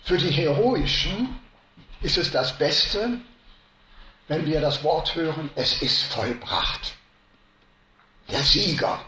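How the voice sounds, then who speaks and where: A man preaching a sermon in a slow, deliberate way, his pitch swinging widely as he stresses words and then drops low. His voice is bright and slightly high. The room around him echoes. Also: slight background noise. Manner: slow, emphatic, swinging between loud stresses and hushed drops.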